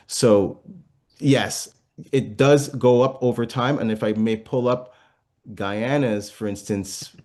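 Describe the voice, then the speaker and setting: With a lowish, darkish voice, a man joins an interview as an investment speaker. His patient explanations come with frequent fillers and restarts, plus repeated checks on whether listeners are following.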